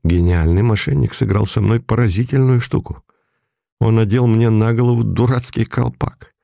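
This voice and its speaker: A deep, dark-voiced, hot-tempered old police chief barks curt orders and flares up at his own mistakes, as a male narrator puts him on. The voice sits low and mellow, recorded close and dry, with no room sound. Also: steady tone, moderate pace, creaky, dry recording. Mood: grim. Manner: curt, commanding, explosive.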